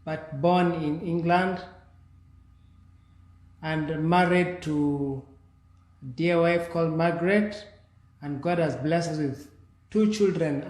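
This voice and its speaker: A man in his forties, originally from Kenya, slowly telling his life story as an interview guest, with pauses and restarts. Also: on the high side, a little mellow, roomy sound. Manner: slow, measured, with pauses and restarts.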